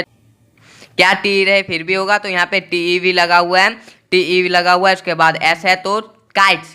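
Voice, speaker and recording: A man teaching a pronunciation lesson, spelling out letters slowly and repeating each point. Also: high voice, pushed and bright, clean tone.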